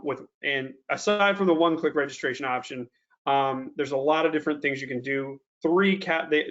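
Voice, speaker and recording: A man presenting a software tutorial webinar, talking casually with many fillers and slowing down to stress warnings. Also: a little high. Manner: casual, lots of ums and restarts, slows down to stress warnings. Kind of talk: screen-share software tutorial. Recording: dull lo-fi webinar audio.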